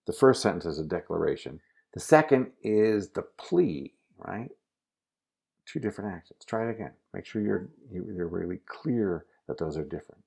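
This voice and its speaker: Low gravelly male drama coach, relaxed and instructive. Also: normal speed. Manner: casual instructive, addresses the student directly. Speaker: acting teacher. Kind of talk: recorded acting lesson.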